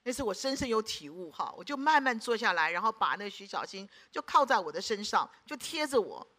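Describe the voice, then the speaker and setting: A woman's voice: mid-range voice, very animated, fairly quick, bright, forceful tone. A woman preacher gives an emphatic sermon and keeps asking the congregation rhetorical questions.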